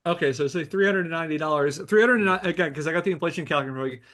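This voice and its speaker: Fast-talking high-voiced man. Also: bright, forceful tone. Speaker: podcast co-host. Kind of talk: casual movie commentary chat.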